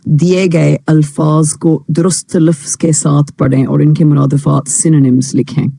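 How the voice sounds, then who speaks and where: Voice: mid-range voice, flat delivery, measured pace, gravelly, dark tone, no room sound. An English teacher, reading a textbook lesson, giving each English phrase and then its meaning.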